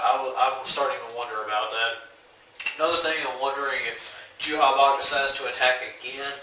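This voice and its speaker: A man's voice: mid-range voice, sharp tone. A young man casually recapping a manga chapter, rambling with lots of fillers in a laid-back way. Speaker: manga reviewer. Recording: roomy echo, mic far off, faint hiss.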